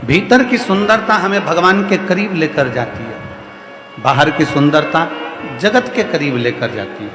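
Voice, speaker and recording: A man's voice: a little high, animated, a little slow. A man with a central Indian Hindi accent delivering a devotional sermon, building each point through rhythmic repeated refrains. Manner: repetitive, rhythmic preaching with rising refrains. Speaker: kathavachak preacher. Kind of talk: devotional sermon to a large crowd. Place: large outdoor or hall religious gathering. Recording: echoey hall, long reverb, faint music.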